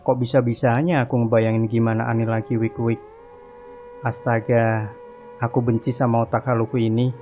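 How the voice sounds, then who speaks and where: A man's voice: mid-range voice, little pitch movement, moderate pace, warm tone. A man narrating a horror story in a casual, conversational reading style. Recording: dull lo-fi with faint music.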